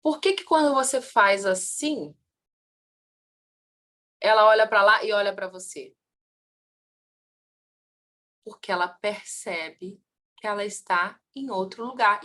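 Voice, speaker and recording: A woman teaching a class on family constellation, asking the students questions and answering them herself, her voice rising and falling in loudness and speed. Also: a little high. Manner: lively, swings in loudness and pace.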